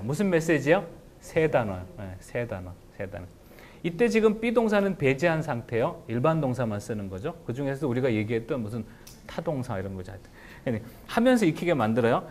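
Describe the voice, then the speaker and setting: A man with a slightly higher voice gives a spirited talk to a room of teachers. His pitch swings widely as he explains. He drops to a slow, careful pace whenever he models an example sentence. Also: slight background noise. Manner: animated, shouts example phrases, slows down for English sentences. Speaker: English teaching lecturer. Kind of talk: lecture to teachers.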